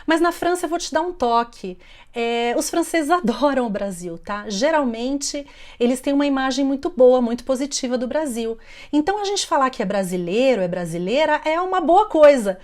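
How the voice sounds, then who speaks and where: A woman with a Brazilian Portuguese accent, teaching French phrases in a chatty online lesson and slowing down to model each phrase. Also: high voice, expressive, a little mellow. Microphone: microphone on her lap.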